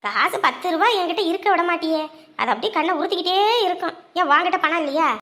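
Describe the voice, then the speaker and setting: An actress playing a stingy, sharp-tongued older village mother who scolds and complains in a rural family drama. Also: extremely high pitch. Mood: indignant. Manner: scolding, complaining, quick retorts.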